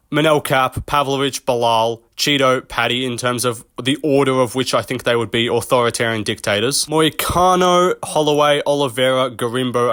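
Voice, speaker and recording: A young man talking off the cuff about fighters in a loose, rambling way, full of swearing and little laughs at his own jokes. His voice sits at an ordinary male pitch. The sound is dry and close, with no room in it. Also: fairly bright tone, dry recording. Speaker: MMA commentary channel host. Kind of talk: casual off-the-cuff commentary.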